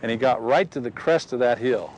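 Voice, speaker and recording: Outdoors on a ridge at a historic site, a medium-pitched man gives an earnest personal faith testimony at a brisk pace, acting out the dialogue as he tells it. The audio quality is poor.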